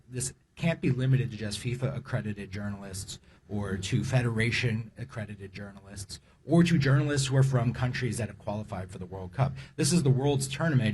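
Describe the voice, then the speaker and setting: A man's voice: lowish voice, fairly quick, darkish tone, a little hiss or hum. A man speaking at a press conference, emphatic and repeating phrases to drive his point home.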